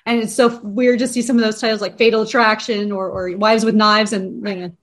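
A woman's voice: mid-range voice, level tone, brisk, fairly bright tone. A woman hosting a casual interview, asking questions in a friendly, upbeat manner. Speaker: interview host.

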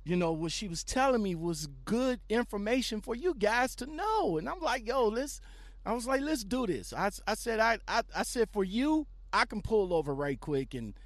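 A man hosting a casual podcast interview, hyping up his guest with excited, repetitive phrasing. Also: high voice, normal speed, dry recording. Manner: animated, repetitive hype-man delivery. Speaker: podcast host.

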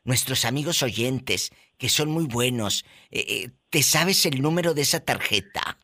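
A man's voice: medium pitch, animated, measured pace, sharp tone. A man with a Mexican accent hosting live casual talk, dramatic, exclamatory and sympathetic. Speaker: radio and podcast host.

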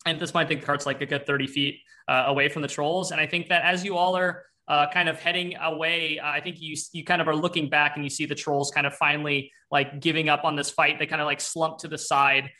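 A man's voice: fairly high pitch, little pitch movement, fast talker, hardly any pauses, sharp tone. A man running a tabletop game as game master, narrating loosely with lots of fillers and restarts.

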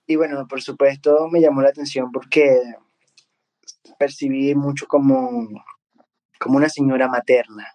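A man's voice: mid-range voice, flat delivery, moderate pace, pauses often, mellow, poor audio. A man who works as a spiritual medium, talking casually and earnestly, often tagging his sentences with a questioning "ok?". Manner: earnest, keeps adding a questioning "ok?" tag. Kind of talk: casual conversation.

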